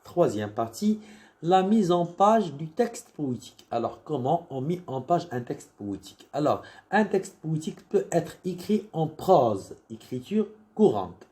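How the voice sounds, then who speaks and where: Slow, mellow Moroccan French teacher. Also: male voice, fairly high pitch, sing-song. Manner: slow, repeats words and restarts often; patient, explains step by step with examples. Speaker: primary school teacher. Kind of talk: classroom lesson explanation.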